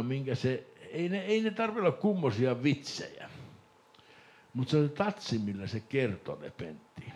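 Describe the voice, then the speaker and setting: A man from Lapland telling a lively story on a casual podcast, laughing and mimicking voices along the way. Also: medium pitch. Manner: animated storyteller, laughs and mimics voices, shouts when excited. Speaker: podcast host.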